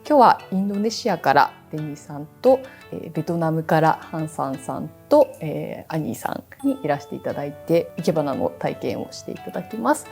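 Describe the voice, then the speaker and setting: A woman's voice: low voice, very animated, very fast, creaky, few pauses, darkish tone, soft background music. A woman hosting a cultural experience, politely explaining the flowers to her guests.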